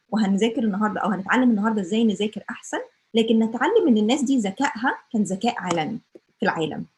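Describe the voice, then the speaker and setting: A woman's voice: mid-range voice, a little mellow. A woman with an Egyptian Arabic accent gives an informal lecture at a church family meeting, dropping English terms and asking her listeners rhetorical questions.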